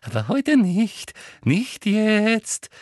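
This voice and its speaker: A sugary, menacing female official, voiced by a man reading a storybook. Her voice sits high and sweet with lively swings, recorded dry and close. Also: drawn-out words, dry recording, full character voice. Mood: triumphant. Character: sugary cruel middle-aged female official.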